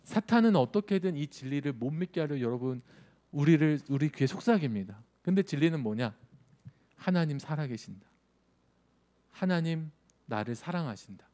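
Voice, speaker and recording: A man's voice: a little high, animated, moderate pace, dark tone. A male youth pastor preaching a sermon in a conversational way, often putting questions to his listeners. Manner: conversational, asks the audience questions.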